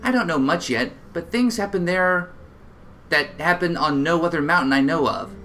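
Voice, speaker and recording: A man voicing a blunt young swordswoman raised in the mountains, talking in a brisk, plain way. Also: a little high, pushed and bright, slight background noise. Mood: blunt serious.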